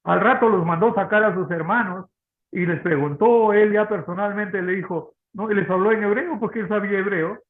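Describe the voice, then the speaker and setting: Preacher guy, chatty sermon, keeps checking people follow, somewhat high voice, phone-thin audio. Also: normal speed, narrow, tinny audio. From Peru. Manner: conversational, keeps asking the audience.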